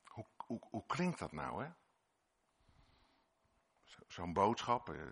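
A man's voice: low-pitched, sing-song, takes it slowly, vocal fry, breathy edge. A man preaching a sermon in Dutch-language church talk, earnest and repetitive, sometimes acting out short quoted voices.

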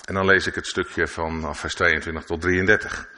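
A man's voice: low voice, flat delivery, moderate pace, pushed and bright. A man preaching a sermon at a church service, reading scripture and adding conversational asides and questions to his listeners.

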